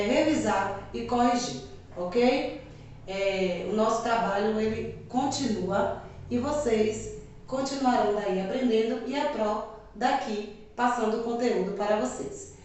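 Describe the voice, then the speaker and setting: A Brazilian woman teacher giving a video lesson to children, speaking slowly and carefully and repeating example words. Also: on the high side, darkish tone, slight background noise. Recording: very echoey room, distant mic.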